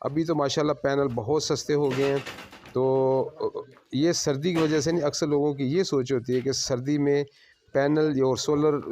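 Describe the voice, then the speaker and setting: Man, solar installer, on-site how-to talk, plain unhurried explaining, mid-pitched voice. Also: a little mellow, a little hiss or hum. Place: at a house during installation work.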